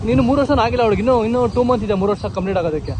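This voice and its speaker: A man's voice: very high voice, animated, very fast, background noise. A man chatting playfully to his viewers in a casual family vlog at home. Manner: playful, teasing, talks to camera viewers. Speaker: vlogger.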